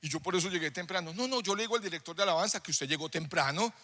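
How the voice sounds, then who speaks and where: A man preaching a sermon, telling a personal story in a conversational way that builds into loud, emphatic preaching. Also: high voice, very fast. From Colombia. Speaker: pastor. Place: church hall. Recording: live sermon in a reverberant hall.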